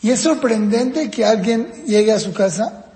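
A man's voice: sits high, a little slow. A man teaching a course for parents, telling stories and putting questions to the audience. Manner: animated storytelling with questions to the audience. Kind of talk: lecture to parents. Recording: echoey hall with long reverb.

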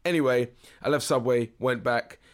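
A young British man with a hoarse, worn-out voice, hosting a casual podcast in a jokey, slangy, rambling way. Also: medium pitch, normal speed. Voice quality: hoarse, strained voice. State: hoarse, losing his voice. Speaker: podcast host. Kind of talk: casual solo podcast chat.

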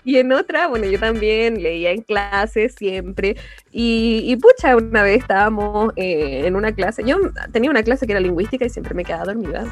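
A woman's voice: mid-range voice, moderate pace, soft background music. A woman in her twenties with a Chilean accent, co-hosting a podcast in casual chat and telling stories with lots of laughter. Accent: Chilean Spanish. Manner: animated storyteller, laughs often, acts out quotes. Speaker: podcast co-host.

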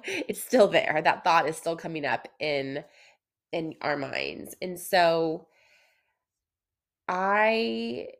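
A woman with a nasal, congested voice, sick with a cold, hosting a casual solo podcast as a coach and repeating phrases for emphasis. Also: fairly low pitch. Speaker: podcast host and business coach for estheticians.

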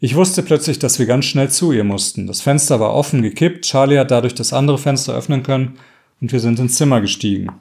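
A man voicing a worried middle-aged mother who speaks haltingly, pausing to swallow between sentences. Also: medium pitch, vocal fry, darkish tone, lightly acted. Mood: grave.

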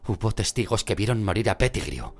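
Man voicing a teen wizard boy, firm and questioning, husky. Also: on the low side, big pitch swings, fairly quick, faint music behind, pitched above the performer's own voice. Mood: doubtful.

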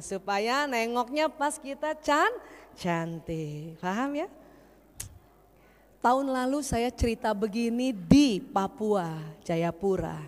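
A woman's voice: mid-range voice, big-room sound. A woman doctor giving a humorous seminar to a women's religious group, playfully teasing and quizzing her audience.

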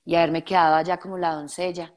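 A woman's voice: on the low side, fast talker. A young adult woman with a Colombian accent, a guest actress telling stories in an interview and acting out other people's voices as she goes. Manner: animated storyteller who acts out others' voices. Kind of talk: storytelling interview.

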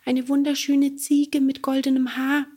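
A woman voicing a small, wise cricket in a storybook reading, with a thin, whispery high voice. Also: little pitch movement, measured pace, mellow. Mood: gentle. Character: small wise cricket, stern but kind.

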